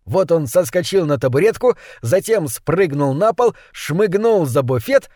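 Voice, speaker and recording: A man reading a fantasy audiobook as narrator, in a measured storytelling manner. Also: fairly high pitch, lively intonation, mellow, dry recording, studio quality. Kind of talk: scripted narration.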